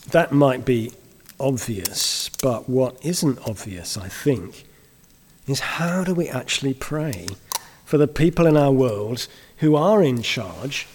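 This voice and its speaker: Kindly preacher in a reverberant hall. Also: male voice, mid-range voice, darkish tone. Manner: measured, explanatory, with rhetorical questions and deliberate pauses. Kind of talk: sermon.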